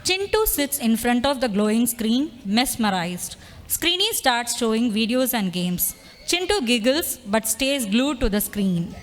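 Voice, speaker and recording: A woman reading the scripted narration of a school annual day play in measured storytelling. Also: fairly high pitch, very animated. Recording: echoey hall with long reverb.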